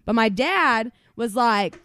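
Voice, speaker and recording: A woman co-hosting a casual chat, telling a lively story with frequent swearing and laughter. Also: on the high side, takes it slowly, dry recording. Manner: animated storyteller, swears freely, laughs often. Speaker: podcast co-host.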